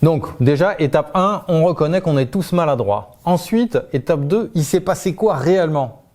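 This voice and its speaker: A man with a warm, mellow voice explains a method step by step in relaxed, off-the-cuff speech. He speaks informally, full of hesitations and restarts, and his pitch lifts as he calls out each new step. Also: normal speed. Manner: informal, uses tu, many fillers and restarts, laughs lightly. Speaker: communication trainer. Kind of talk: spontaneous explanatory talk.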